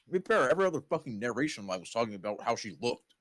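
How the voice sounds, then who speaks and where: A man's voice: medium pitch, sing-song, rapid-fire, fairly bright tone. A man joking around and teasing friends while they play a game on stream. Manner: teasing, swears freely. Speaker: co-player on stream. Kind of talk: casual joking banter.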